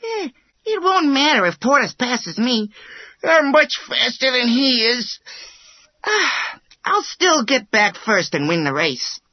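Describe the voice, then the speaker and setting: A cocky, boastful hare with a high voice that leaps all over the place, as a man narrating a storybook puts him on. The tone is a little husky, and the sound is slightly dull and dry. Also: huge pitch swings, moderate pace, few pauses, exaggerated voice. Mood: lazy, smug. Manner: high, mocking, laughing. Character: boastful young male hare, cocky and quick.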